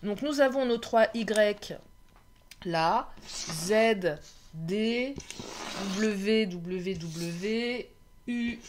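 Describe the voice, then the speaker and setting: A woman's voice: medium pitch, extremely slow, long pauses, background noise. A woman giving a casual tarot reading, chatty, laughing often and joking about herself. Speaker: tarot card reader.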